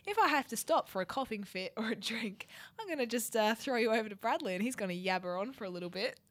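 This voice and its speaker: A young Australian woman co-hosting radio in casual chat, her voice croaky and hoarse from a head cold, chatty and self-deprecating. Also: a little high, lively intonation, fast talker. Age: young adult. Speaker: radio co-host.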